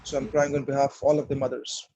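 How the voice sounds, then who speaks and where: A man giving a devotional talk and telling a story, speaking haltingly and often repeating words as he searches for his phrasing. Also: medium pitch, little pitch movement, muffled recording, noisy background. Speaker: speaker at a temple class.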